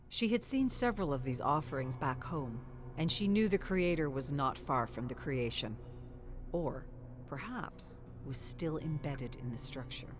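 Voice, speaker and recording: A female narrator with a notably deep register tells a dramatic, scripted story at a measured pace, with a faint music bed behind her.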